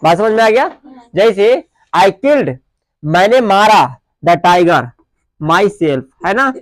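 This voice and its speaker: Slow, drawn-out male grammar teacher. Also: high-pitched, big pitch swings, dry recording, studio quality. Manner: repeats questions and answers them himself, mixing Hindi and English; dictates definitions slowly word by word. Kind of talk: classroom grammar lesson.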